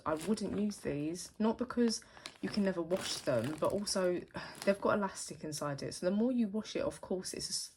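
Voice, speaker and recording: A woman's voice: sits low, a little hiss or hum. A woman who runs a small business, chatting casually through her stock with many fillers and sounding a little out of breath. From United Kingdom. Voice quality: filler-heavy, chatty, thinking aloud. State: slightly out of breath. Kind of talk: casual vlog walkthrough.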